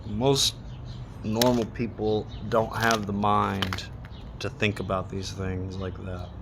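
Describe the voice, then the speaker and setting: A man in his thirties, voice set low, rants in a loose, heated way and swears often, leaving long pauses. Birds and a faint outdoor hum can be heard behind him. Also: flat delivery. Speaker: monologue speaker. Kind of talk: casual rant.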